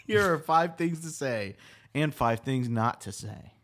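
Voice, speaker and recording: A man's voice: medium pitch, lively intonation, takes it slowly, a bit bright. A man co-hosting a comedy podcast, joking around and reading posts aloud to his co-hosts. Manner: joking, reads posts aloud, breaks into laughter. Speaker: podcast co-host. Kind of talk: casual comedic banter.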